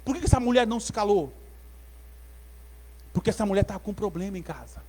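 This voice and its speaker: A man preaching a teaching sermon in church, animated and repetitive, calling listeners brother. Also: high-pitched, fast. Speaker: pastor.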